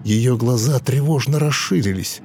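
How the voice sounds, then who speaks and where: A man narrating a dramatic audiobook in a measured, theatrical manner. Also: mid-range voice, a little hiss or hum. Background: soft music.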